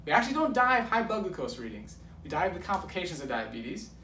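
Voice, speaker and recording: A man in his thirties, a guest coach in a filmed conversation, explains things enthusiastically and emphatically, driving key points home. His high-pitched voice is very animated, fast and pushed bright, and it was recorded from a distance with roomy echo and background noise.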